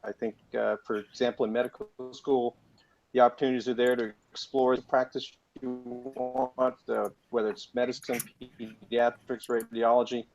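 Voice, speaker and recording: A man, a physician on a panel, answers questions over a remote call. His connection keeps breaking up, so his words cut in and out in halting fragments. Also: mid-range voice, level tone, vocal fry, a little mellow, soft background music, rough recording. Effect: connection breaking up, audio cutting in and out. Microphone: remote call microphone. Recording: choppy, dropping-out remote call audio with faint noise.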